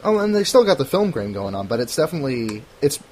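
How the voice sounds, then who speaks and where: A man's voice: mid-range voice, big pitch swings, fast, a little mellow. A rambling man in a podcast chat with a mid-range voice. He stumbles over restarts and pokes fun at himself. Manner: rambling, stammers on restarts, self-mocking. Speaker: podcast co-host. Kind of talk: casual chat.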